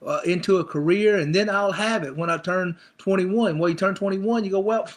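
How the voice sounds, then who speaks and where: A man's voice: sits high, normal speed. A middle-aged male pastor preaching a conversational sermon, acting out people's inner thoughts with repeated phrases.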